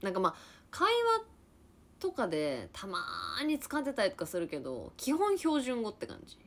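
A young woman in her twenties from Niigata, Japan, hosting a casual livestream chat and answering viewers with quick reactions and frequent laughter. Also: medium pitch, wildly swooping pitch. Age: 20s. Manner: chatty, reacts to comments, laughs often. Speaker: livestream host chatting with viewers.

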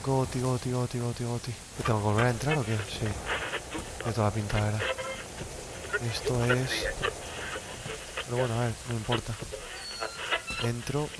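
A man's voice: mid-range voice, flat delivery, moderate pace, pauses often. A man from Spain giving casual, chatty gameplay commentary as a streamer, swearing freely and talking to his chat. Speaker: streamer playing a horror game. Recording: loud rain noise behind.

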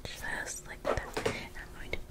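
A woman in her twenties doing a whispered role-play as a makeup artist in fast, aggressive ASMR style, repeating words close to the mic. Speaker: ASMR creator. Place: small bedroom, indoors. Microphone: close studio mic with fluffy windscreen.

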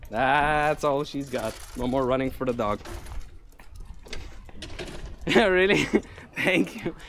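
A man's voice: medium pitch, very slow, pauses often, fairly bright tone, a little hiss or hum. A man live-streaming outdoors while walking his dog, chatting casually with viewers in a giggly, teasing way.

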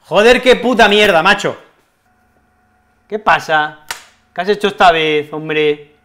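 A man's voice: high-pitched, slow, a bit bright. Man doing a blunt, swearing Spanish pal. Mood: exasperated. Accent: Spain. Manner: blunt, swearing, casual slang.

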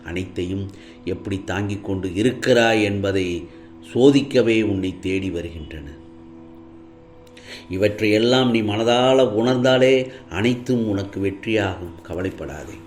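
A man voicing an elderly male saint who gently comforts a devotee in a devotional monologue, with soft, soothing reassurance. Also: lowish voice, slow, a little hiss or hum. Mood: tender. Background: faint music.

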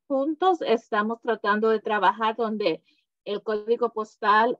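A woman coordinator welcomes everyone to an online community talk, her phrasing earnest and a little halting. Her voice sits on the higher side. The video-call audio is dry and muffled. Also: dry recording. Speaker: program coordinator, event host.

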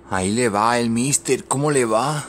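A man's voice: medium pitch, normal speed, slight background noise. A man from the Maresme in Catalonia with a Catalan accent, filming outdoors on a phone and keeping up a repetitive, muttering commentary that often drops to a whisper. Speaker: amateur filmer. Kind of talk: casual commentary while filming. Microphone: phone camera.

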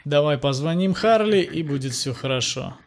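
A man's voice: fairly high pitch, lively intonation, moderate pace. A young man giving casual, slangy Let's Play commentary on a mobile fighting game. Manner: slangy, informal, narrating and paraphrasing the cutscenes. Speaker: gameplay commentator.

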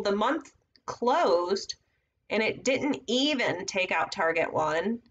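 A woman's voice: mid-range voice, fairly bright tone, dull audio. A woman casually teaching trading setups on a live stream, thinking aloud as she marks up charts at her computer. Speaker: trading educator.

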